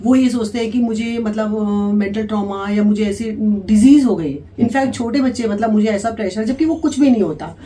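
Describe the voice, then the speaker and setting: A woman's voice: mid-range voice, moderate pace, few pauses, dark tone. A woman doctor and health officer answering interview questions, explaining patiently with frequent hesitations. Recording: distant mic with faint noise.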